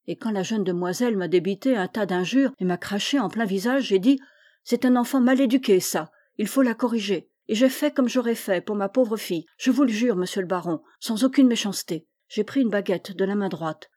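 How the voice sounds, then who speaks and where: A woman's voice: mid-range voice, warm tone, no room sound, studio quality, natural voice. A woman reading as a humble pleading vagrant man. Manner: pleading, deferential, earnest. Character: humble apologetic male vagrant, older.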